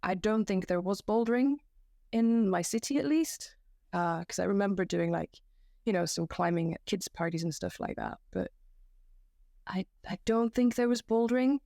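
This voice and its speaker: A woman's voice: mid-range voice, moderate pace, warm tone, no room sound, clean studio sound. A young woman from Belgium, a podcast guest, talking casually and self-deprecatingly with many fillers and restarts, at home. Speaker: guest, climbing competition volunteer. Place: floor of a new room at home. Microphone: home setup.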